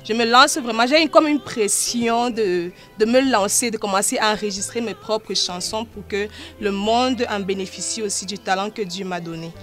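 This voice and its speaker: Faint music plays behind a woman with a Cameroonian accent, medium-pitched and speaking at a normal pace. She is a gospel artist and choir director being interviewed, talking earnestly and devoutly about her life and music.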